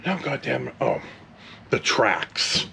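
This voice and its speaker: A slow, sing-song mid-range voice with vocal fry, bright and forceful, belongs to a 60-something Californian man hosting. He wanders through a casual story with digressions and mild cursing, over a slight hiss or hum.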